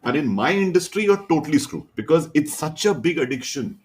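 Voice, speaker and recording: Indian man telling animated stories. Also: fairly high pitch, fairly quick, a little hiss or hum. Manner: animated anecdotes with quoted dialogue and laughter. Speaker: podcast guest. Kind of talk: casual storytelling chat.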